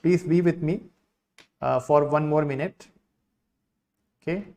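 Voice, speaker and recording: A man with an Indian accent, an online teacher, giving an insistent, repetitive sales pitch to his live class. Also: a little slow, mellow. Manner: insistent sales pitch, repeating key phrases.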